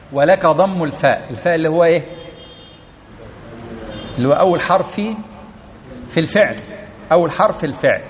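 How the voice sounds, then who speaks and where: A male teacher with a higher voice gives a classroom grammar lesson, explaining step by step, repeating key words, and checking again and again that the class understands. It's a dull lo-fi recording with slight background noise.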